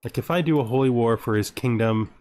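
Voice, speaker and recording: Over background music, a man hosting a gaming video mutters his thoughts aloud while playing a strategy game, keeping the commentary casual. He has a mid-range, darkish voice and talks briskly.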